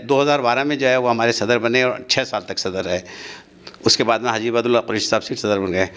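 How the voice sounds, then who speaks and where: A man's voice: medium pitch, fairly bright tone, clean tone. An older man, answering interview questions in an earnest, insistent way as an official of a university society. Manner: earnest, insistent, defends himself at length.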